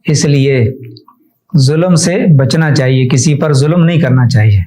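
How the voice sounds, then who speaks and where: A man, an Islamic scholar, giving an emphatic religious lecture, repeating phrases for stress and reciting Arabic phrases slowly. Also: mid-range voice, dark tone, low-quality recording. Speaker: Islamic scholar teaching hadith.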